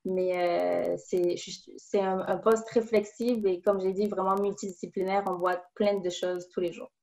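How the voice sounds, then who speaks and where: A woman's voice: medium pitch, flat delivery, moderate pace, dark tone. Upbeat young woman explaining her job. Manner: clear, upbeat explaining with frequent fillers. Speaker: guest, professional order student advisor. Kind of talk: interview answers.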